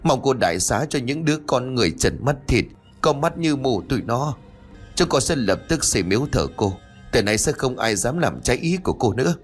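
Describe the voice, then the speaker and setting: A man's voice: mid-range voice, lively intonation, measured pace, soft background music, voice pushed up. A man voicing a frightened old mother who pleads tearfully with a ghost, in an audiobook. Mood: pleading.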